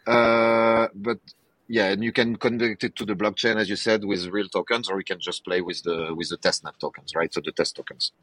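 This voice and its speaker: Man, podcast host, low voice, dry recording, friendly, halting. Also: steady tone, fairly bright tone, no echo, low-quality recording. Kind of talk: casual podcast chat.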